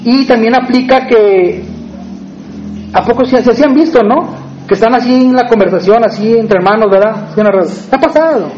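A man's voice: very high-pitched, moderate pace, a little mellow, dull audio. A man with a Mexican accent preaching a sermon in a conversational way, often asking the congregation questions. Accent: Mexican Spanish.

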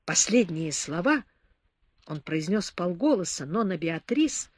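Expressive woman reading a novel. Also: on the low side, unhurried, slightly rough, no room sound. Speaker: audiobook reader. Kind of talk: audiobook narration.

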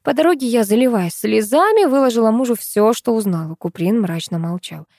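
A woman narrating a first-person novel as an audiobook, lively and jumping up in pitch on exclaimed lines. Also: a little fast, no room sound, studio quality.

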